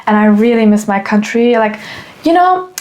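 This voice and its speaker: A woman's voice: a little high, lively intonation, normal speed, a little mellow. A young woman from Germany hosting a solo podcast, talking casually and rambling, with many fillers and restarts. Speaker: podcast host.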